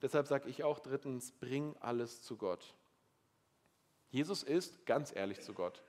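A man preaching a sermon, passionate, moving between quiet intensity and loud emotional appeals. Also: medium pitch, measured pace. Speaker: pastor.

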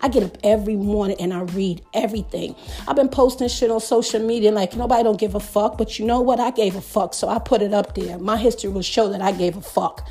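A woman's voice: mid-range voice, steady tone, fast talker, mellow, slightly rough, faint music behind. A middle-aged woman hosting a podcast, ranting emphatically in profane street slang. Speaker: podcast host.

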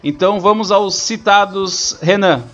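A southern Brazilian man hosts a football show in a casual way. His voice is high, and the sound is slightly dull with music underneath. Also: measured pace, a bit bright. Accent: southern Brazilian, Rio Grande do Sul. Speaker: host.

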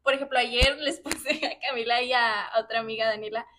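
A woman's voice: fairly high pitch, steady tone, fairly quick, bright, forceful tone, a little hiss or hum. A young woman with a Mexican accent, co-hosting a casual podcast chat, talking in a chatty way full of fillers and giggles. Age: young adult. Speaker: podcast co-host.

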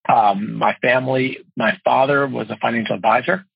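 His voice is mid-range and gravelly with a breathy edge, and there's no echo at all. He's a fortysomething guest from New Jersey, a financial wholesaler and speaker, earnestly recounting his life on a podcast. He tells it quickly and expressively, and the audio is dry, dull, and lo-fi.

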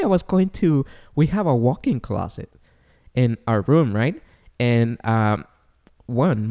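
Young man, non-native English speaker, podcast host, casual chat, clear smooth voice, empty-warehouse echo in a large room. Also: mellow. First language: not English. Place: large, tall apartment room. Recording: echoey voice in big, high-ceilinged room.

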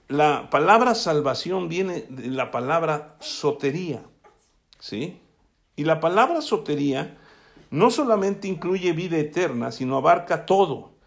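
A man preaching a sermon, often asking his listeners for a yes as he goes. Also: high voice. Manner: asks the congregation "¿sí?" often. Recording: echoey room.

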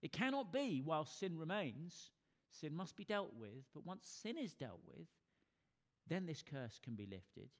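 Man, preacher, church sermon, slightly high pitch, earnest, rhetorical questions, rising emphasis. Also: big pitch swings, unhurried. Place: church service.

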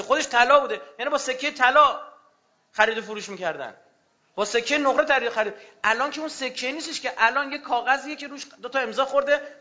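A man preaching a fervent religious sermon to a gathering, swinging between loud outbursts and hushed low passages. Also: muffled recording.

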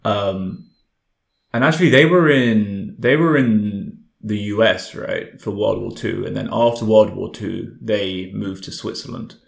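A man's voice: lowish voice, a little slow, vocal fry. A man hosting a casual history discussion, thinking aloud as he goes. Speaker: podcast host. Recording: echoey room.

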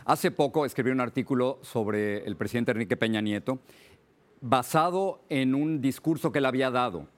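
A man's voice: mid-range voice, moderate pace. Man hosting a talk interview. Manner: direct, conversational questioning. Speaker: interview host. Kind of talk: interview questions.

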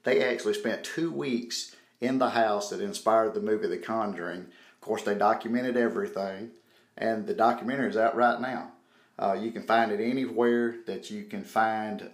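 A man hosting a podcast, talking casually to his listeners as he introduces the show. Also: on the low side. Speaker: podcast host. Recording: roomy echo, faint music behind.

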